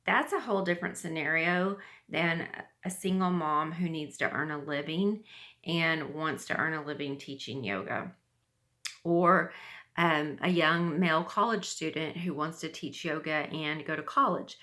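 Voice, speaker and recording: A woman's voice: sits low, measured pace, pushed and bright. A middle-aged woman, short of breath, giving casual instructional talk as a yoga teacher.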